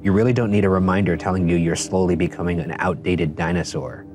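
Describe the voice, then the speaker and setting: A young man reading a story and chatting in a dark studio, teasing and dry. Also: low-pitched, fairly even intonation, fast talker. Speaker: host and story reader. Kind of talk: story reading and casual chat. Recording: music playing underneath.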